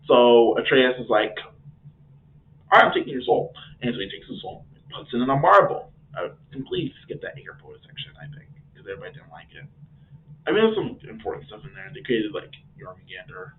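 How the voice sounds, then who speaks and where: A man's voice: fairly low pitch, very animated, normal speed. A man reviewing a video game in a casual, rambling way. He uses slang and stops often to correct himself. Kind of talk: casual spoken game recap. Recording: tinny phone-like sound.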